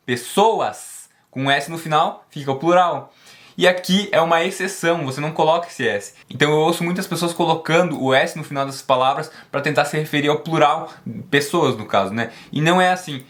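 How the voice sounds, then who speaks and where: Man, fairly high voice, emphatic language teacher who repeats and drills each word. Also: a bit bright. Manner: drills words slowly and repeats them; emphatic, encouraging. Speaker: English teacher. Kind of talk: online language lesson.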